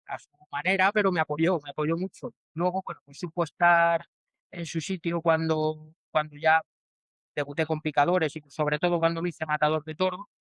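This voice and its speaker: A Spanish man in his forties speaks as an interview guest, his voice smooth and resonant and pitched a little high. He talks hesitantly, with many restarts and fillers. The sound is close and dry. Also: fairly bright tone, no echo. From Spain. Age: 40s. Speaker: bullfighter guest. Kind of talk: casual interview answers.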